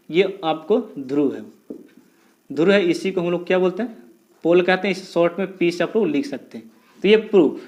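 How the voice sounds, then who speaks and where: A man with a high voice teaches physics at the board. He asks the class a question, answers it himself, and draws key terms out word by word so students can copy them down. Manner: repeats key terms slowly, syllable by syllable. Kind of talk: blackboard lecture.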